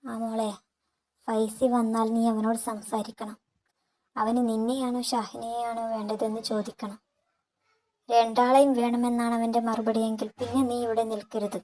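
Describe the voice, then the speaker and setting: A woman voicing an elderly, ailing father-in-law who begs forgiveness through tears, slow and heavy. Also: a little high, flat delivery, warm tone, a little hiss or hum, lightly acted, low-quality recording. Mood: earnest. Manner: pleading, weeping, slow and heavy.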